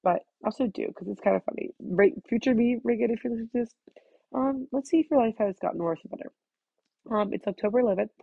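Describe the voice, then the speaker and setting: A teenage girl with a nasal voice, rambling fast through a casual solo vlog, full of "like". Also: on the high side, gravelly, husky, no echo, narrow, tinny audio. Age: teens. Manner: fast-talking, scattered, full of "like". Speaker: student vlogger.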